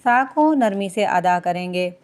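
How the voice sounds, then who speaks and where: A woman teaching Quran recitation rules, chanting verses slowly and drawn out, then explaining quickly in plain speech. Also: medium pitch, animated, a little mellow, smooth. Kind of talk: tajweed lesson, slow recitation alternating with quick explanation.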